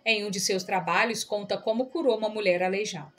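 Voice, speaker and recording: A woman reading an audiobook aloud in a calm, measured narration. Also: medium pitch.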